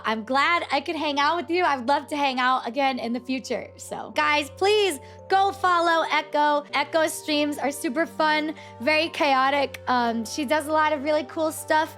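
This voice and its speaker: A woman's voice: high-pitched, normal speed, few pauses, a bit bright. A woman hosting a casual chat in a cute anime streamer manner, gushing and swearing freely. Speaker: talk show host. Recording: music playing in the background. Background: music.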